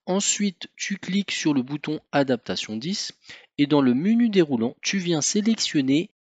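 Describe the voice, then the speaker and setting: A man narrating a step-by-step car tutorial, calm and methodical, speaking informally to the viewer. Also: medium pitch, slightly rough, no echo. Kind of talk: step-by-step instructional voice-over.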